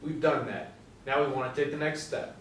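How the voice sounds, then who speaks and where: A man's voice: a little high, moderate pace, close to an everyday voice. A man playing a touchy, pedantic young man. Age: 20s. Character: fussy petty young man selling ice cream. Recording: roomy, distant from the mic, faint noise.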